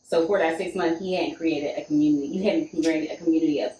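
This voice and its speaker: A woman's voice: low voice, steady tone, mellow. Woman host chiming in, far from the mic, roomy, bit of hiss. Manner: quick affirmations and short prompts. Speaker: podcast host. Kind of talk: casual interview chat. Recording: echoey room, distant mic, faint noise.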